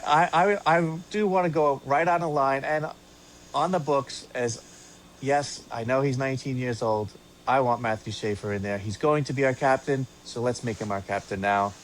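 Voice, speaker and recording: A man co-hosting a casual sports fan podcast, speaking haltingly with many fillers and repeated words. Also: medium pitch, a little hiss or hum. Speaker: podcast co-host.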